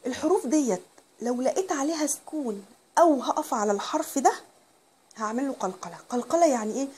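A woman with an Egyptian accent teaching Quran recitation, explaining patiently and reciting words slowly and drawn out. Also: a little high, warm tone, a little hiss or hum. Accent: Egyptian Arabic.

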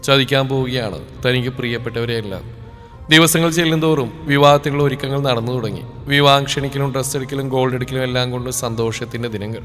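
Male narrator, calm storytelling, reverberant room, soft music underneath. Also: mid-range voice, quick pace. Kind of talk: scripted novel narration.

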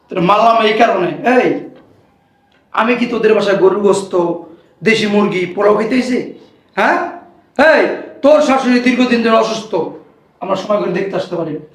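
Man as older father, stern and scolding, echoey room. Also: sits high. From Bangladesh. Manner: loud scolding, repeated sharp questions. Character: stern elderly father scolding his married daughter. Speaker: visiting father-in-law. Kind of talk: amateur short-film acting.

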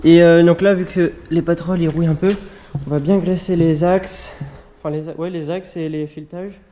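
Talking directly to viewers outside as it rains, a man walks through a car repair in a chatty, filler-laden how-to vlog. His voice is warm and a little high, with fairly even intonation and a normal speed.

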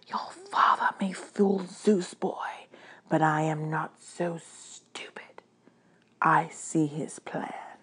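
A woman's voice: deep voice, fairly even intonation, a bit bright, husky, in a whisper, full character voice. A woman voicing an angry, aggrieved male god of the underworld in a storybook reading, imperious and emphatic. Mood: menacing hiss. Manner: imperious, ranting, emphatic drawn-out words.

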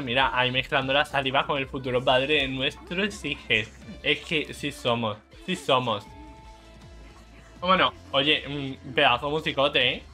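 A young man giving playful, cheeky let's play commentary, swearing freely and bursting into excited shouts. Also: medium pitch. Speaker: gaming YouTuber.

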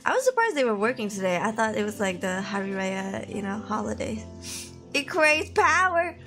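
A young Malaysian VTuber chats casually with her livestream viewers from a room at home, bubbly and giggly though her voice sounds tired and sniffly. She speaks at a medium pitch and normal speed in a sing-song way, over music.

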